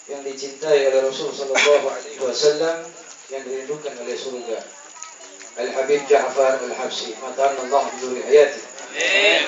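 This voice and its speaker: Booming preacher in his fifties. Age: 50s. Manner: booming, jesting crowd call-and-response. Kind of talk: lively religious sermon with jokes. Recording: very echoey, far-off, muffled, loud hum.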